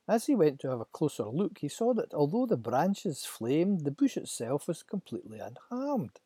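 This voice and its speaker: Male storybook narrator, dark, husky, dramatic, dry close sound. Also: fairly high pitch, very animated, moderate pace, no room sound.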